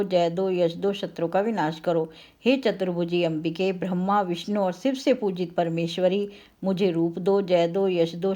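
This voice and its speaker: A woman reciting devotional scripture in a slow, solemn, invocatory way, with repeated refrains and occasional self-corrections. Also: on the low side, dark tone.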